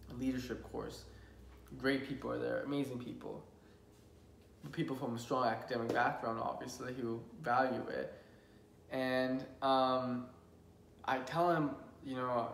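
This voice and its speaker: A man's voice: mid-range voice, gravelly. A young man in his twenties telling a personal story to camera in an earnest, emotional vlog, stumbling and restarting often. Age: 20s. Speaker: vlogger. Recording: roomy with faint background hum.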